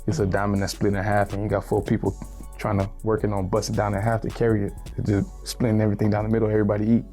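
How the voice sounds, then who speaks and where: Laid-back young man, flat and low. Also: rapid-fire, soft background music. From Miami, Florida. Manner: laid-back street slang, lots of "you feel me". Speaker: rapper, interview guest. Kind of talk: casual interview.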